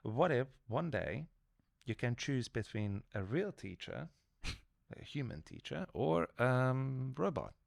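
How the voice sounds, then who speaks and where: A man's voice: mid-range voice, very animated, slow pace, vocal fry, dry recording, studio quality. A man co-hosting a casual podcast chat who works as an acting coach, talking hesitantly and often restarting or correcting himself.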